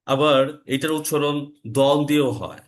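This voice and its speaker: A man teaching Arabic letter pronunciation in an online lesson, slow and deliberate, repeating each sound for his learners. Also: on the high side, completely flat delivery. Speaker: Quran recitation teacher.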